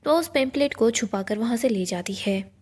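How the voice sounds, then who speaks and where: A woman's voice: a little high, normal speed, husky. A woman narrating a casual scene-by-scene recap of a TV serial, quoting the characters' lines in her own voice. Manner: steady retelling, quotes dialogue in her own voice.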